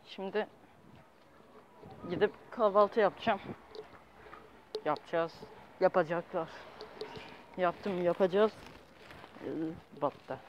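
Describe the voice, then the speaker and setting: A young adult man with a high-pitched voice vlogs casually while walking city streets, speaking in halting, rambling fragments and often correcting himself. He holds his phone at arm's length, and the recording sounds dull, with outdoor street noise.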